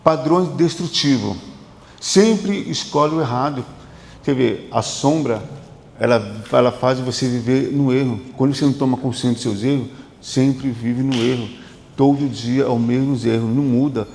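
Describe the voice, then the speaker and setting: Male therapist, gravelly mid-pitched voice, emphatic storyteller, roomy hall reverb. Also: normal speed, a little mellow, slight background noise. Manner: conversational, repetitive, emphatic storytelling. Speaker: psychotherapist. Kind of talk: motivational talk with client stories.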